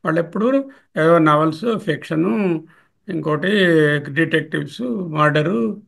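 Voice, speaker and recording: Slow, gravelly-voiced male Sanskrit teacher. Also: fairly high pitch, lively intonation, a bit bright. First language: Telugu. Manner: poses questions and answers them himself; repeats verse words slowly, glossing each. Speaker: teacher explaining a Sanskrit hymn. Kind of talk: scholarly commentary lecture.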